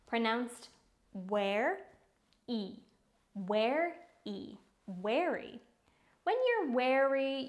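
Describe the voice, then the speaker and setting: Woman teacher for a vocabulary lesson, slightly high voice, slow careful delivery, repeats each word. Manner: slow, careful pronunciation drills with repeated words. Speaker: English teacher.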